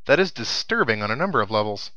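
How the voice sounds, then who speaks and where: Talking fast with big swings in pitch, a medium-voiced man narrates his let's-play session. His commentary is chatty and casual, peppered with wry asides. Game music runs in the background.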